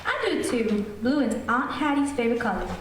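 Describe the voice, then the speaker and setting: A woman's voice: fairly high pitch, fairly quick, natural voice. Woman playing a fussy housewife in echoey room. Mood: fussy, chatty. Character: fussy, genteel middle-aged housewife out shopping, kindly and chatty. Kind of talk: 1940s radio comedy acting. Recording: very echoey, distant, faint noise.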